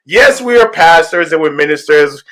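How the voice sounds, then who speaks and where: A man's voice: on the high side, expressive, normal speed, a bit bright. A man and pastor hosting a casual podcast, greeting listeners with hype and rambling through his points. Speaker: host and pastor.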